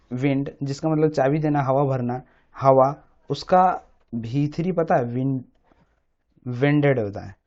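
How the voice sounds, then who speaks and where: A man's voice: fairly high pitch, a little mellow. A man teaching an English grammar lesson. He explains step by step, repeats key words again and again, and keeps checking that the listener is following. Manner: repeats key words often, asks the listener "samajh rahe hain na?". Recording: dull lo-fi recording.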